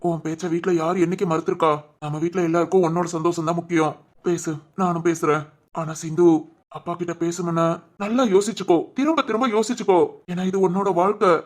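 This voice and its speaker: In cartoon voice acting, a performer plays a caring young man, a protective older brother reassuring and advising his sister. The natural, medium-pitched voice is fast, reassuring, and fairly even in intonation.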